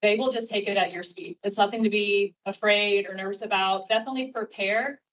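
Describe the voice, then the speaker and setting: A woman's voice: mid-range voice, fairly even intonation, fairly quick, a bit bright. A woman officer giving advice to an audience in a reassuring, repetitive way. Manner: reassuring, repeats "just be yourself". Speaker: officer answering questions. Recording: muffled, distant room recording.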